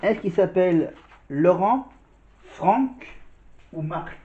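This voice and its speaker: A man hosts a vlog, talking casually and directly to viewers with quiz questions and commentary, and often repeats himself. His voice is high and animated but slow-paced, and the sound is dull and roomy.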